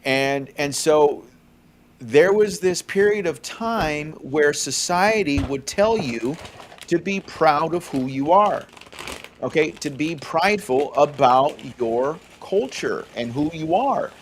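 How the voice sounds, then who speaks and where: The voice is a man's, on the high side and expressive, moving at a slow pace, with a little hiss or hum in the recording. He's in his forties, from California, and co-hosts a faith podcast, chatting casually with lots of fillers and an often-repeated "okay?"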